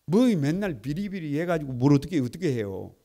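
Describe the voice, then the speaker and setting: A male pastor preaching a lively sermon and leading the congregation in reading scripture aloud, moving between quiet asides and loud exclamations. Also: on the high side, brisk. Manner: animated, swings from soft asides to loud exclamations.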